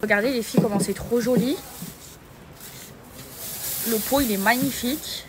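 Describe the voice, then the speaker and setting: A vlogger in her thirties chats casually with her followers, filming herself as she moves from indoors to her car and on to the shops, and she keeps calling out to viewers. Her fairly high voice comes at a normal speed against a noisy background.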